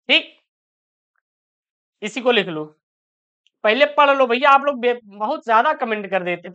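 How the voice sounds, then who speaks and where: A male teacher talks students through a board exam paper, chatty and reassuring. He recites verse slowly and carefully. His voice is smooth and resonant, and the recording sounds muffled and lo-fi. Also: extremely high pitch, bright, forceful tone. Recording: dull lo-fi sound.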